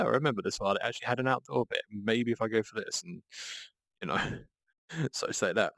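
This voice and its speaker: A man's voice: medium pitch, fairly bright tone, no echo. A man chatting casually as a live streamer, with a playful manner and camp, affectionate greetings. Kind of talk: casual livestream chat.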